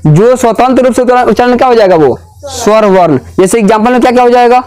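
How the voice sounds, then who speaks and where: In a classroom, a man with a high-pitched voice teaches grammar, firing questions at the class and repeating each answer back to them. He talks fast, sounding a little mellow with a clean tone.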